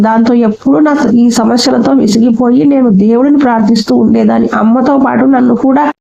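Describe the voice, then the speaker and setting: A woman narrating a sad story in the first person, slow and sorrowful. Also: a little high, creaky, mellow, muffled recording.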